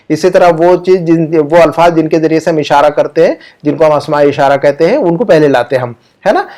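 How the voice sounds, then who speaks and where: Man, Urdu-speaking accent, slightly raised pitch, patient grammar teacher, slow repeated examples, asks questions. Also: a little mellow. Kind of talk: online grammar lesson.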